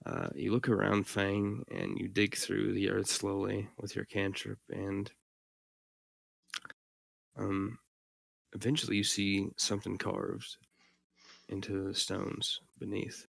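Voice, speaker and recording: A man narrating as game master in a tabletop game, pausing often with fillers. His voice is low and deeply gravelly, with a very flat pitch. The sound is dry and close. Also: no room sound. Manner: halting, filler-laden narration.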